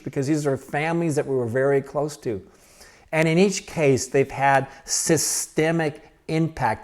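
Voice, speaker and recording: An older man preaching as a pastor in an earnest, conversational way, slowing down for emphasis and sometimes restarting his phrases. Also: on the high side, a little mellow. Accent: Pacific Northwest American. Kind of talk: sermon.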